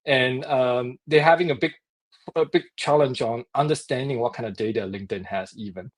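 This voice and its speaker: A New man with a mid-range voice talks as a livestream guest. He speaks in a halting way, full of ums and uhs, and laughs lightly as he explains. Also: medium pitch. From New Zealand. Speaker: guest, startup co-founder. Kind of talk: casual interview chat.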